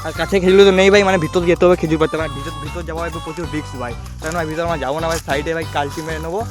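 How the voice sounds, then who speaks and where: A young man narrating an outdoor forest vlog, excitable and constantly calling out "bhai". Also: fairly high pitch, very fast. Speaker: vlogger. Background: music.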